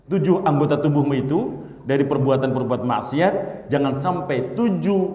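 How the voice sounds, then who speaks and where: A slightly high-voiced man preaches in a sermon style. He recites Arabic lines and then explains them, playful jabs at his congregation. His voice rings through a roomy hall a long reverb tail. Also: dark tone. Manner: teasing asides to listeners.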